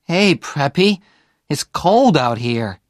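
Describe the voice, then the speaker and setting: A man's voice: fairly high pitch, very animated, slow pace, no echo, studio quality, pitched above the performer's own voice. A man voicing a spirited, teasing young college woman in an audiobook reading.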